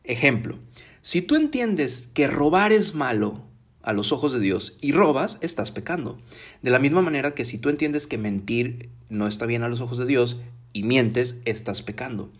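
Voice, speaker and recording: A man preaching a casual sermon from his home, talking in a conversational, emphatic way and slowing down to stress key words. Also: mid-range voice, lively intonation. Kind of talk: casual live-streamed sermon.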